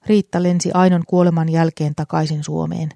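A reader voicing an old grieving man who speaks softly but firmly in an audiobook. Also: medium pitch, little pitch movement, creaky, dry recording, studio quality, close to an everyday voice. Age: older. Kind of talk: audiobook character voice.

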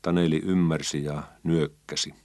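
A man reading a children's story aloud in a calm, measured way. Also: extremely low pitch, no echo, studio quality. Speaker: narrator.

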